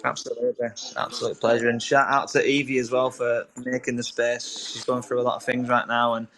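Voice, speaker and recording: A man hosts a casual online audio chat in a level, flat voice. He sounds relaxed and grateful and tends to repeat his words. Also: mid-range voice, a little fast. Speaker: host.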